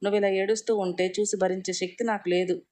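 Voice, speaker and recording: A woman's voice: medium pitch, flat delivery, quick pace, lightly acted. A woman doing a tender devoted young husband. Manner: gentle, pleading.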